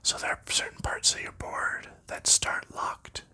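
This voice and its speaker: With frequent fillers, a man whispers gently and without hurry as he presents board games. It's an ASMR show-and-tell delivered in soft tones by the creator.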